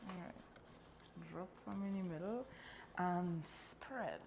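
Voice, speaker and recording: A woman's voice: lowish voice, takes it slowly, gravelly, a little mellow, rough recording. A woman in her thirties with a Trinidadian accent, chatting casually and expressively as she co-hosts a cooking video. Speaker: cooking show co-host. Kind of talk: casual kitchen chat. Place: home kitchen, indoors. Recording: faint room noise in background.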